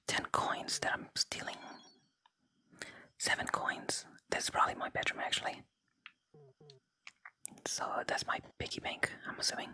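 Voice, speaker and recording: This ASMR let's play features a host whispering softly and unvoiced the whole way, with a very bright, crisp edge to the sound. Sitting near the microphone, they alternate between reading game dialogue and murmuring commentary.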